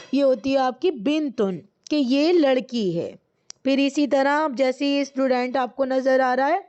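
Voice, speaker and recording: High-voiced woman teacher, dull lo-fi sound. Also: a little mellow. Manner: patient, asks questions and answers them herself; slowly repeats words. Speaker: Arabic teacher. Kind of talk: recorded classroom lesson. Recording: dull lo-fi recording.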